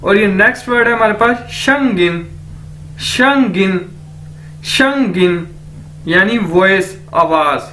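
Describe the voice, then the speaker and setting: A man teaching a recorded language lecture, repeating each word slowly for drilling. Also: high-pitched, pushed and bright, a little hiss or hum. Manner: slow, repeats words for drilling.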